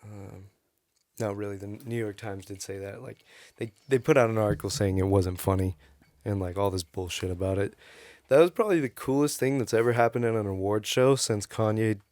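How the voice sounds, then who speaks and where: A man's voice: on the low side, fairly quick, darkish tone, dry recording. A man in casual podcast chat, rambling, profane and opinionated on a close mic.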